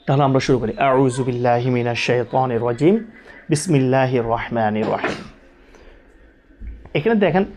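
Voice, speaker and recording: A male Quran teacher speaks at an unhurried, deliberate pace. He drills each letter sound again and again, stretching it out so learners can follow. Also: a little high, a little hiss or hum. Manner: stretches and repeats each sound many times. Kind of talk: Quran recitation lesson.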